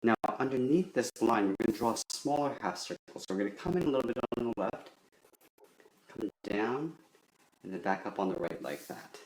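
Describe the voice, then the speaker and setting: Speaking briskly in a sing-song way, a man with a fairly low voice explains how to draw, one simple step after another. There's roomy echo on the recording, along with faint background noise.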